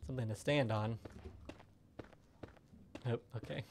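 A man gives casual gaming commentary on a live stream, chatty and thinking aloud as he plays. His voice sits at an everyday pitch for a man. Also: steady tone, takes it slowly, creaky, darkish tone, a little hiss or hum.

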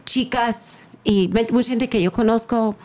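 An older woman, a pastor, chatting casually on a podcast and acting out quoted lines in a squeaky voice. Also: a little slow. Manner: warm, chatty storyteller who acts out quoted lines with a squeaky high pitch.

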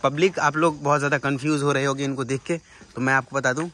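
A man's voice: mid-range voice, steady tone, fast talker, fairly bright tone. A young man, vlogging casually to camera and teasing his siblings. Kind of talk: casual vlog narration.

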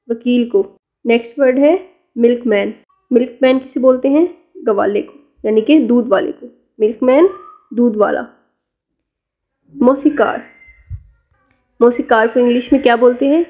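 High-voiced woman teaching vocabulary. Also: muffled recording. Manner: patient question-and-answer drilling. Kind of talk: vocabulary lesson.

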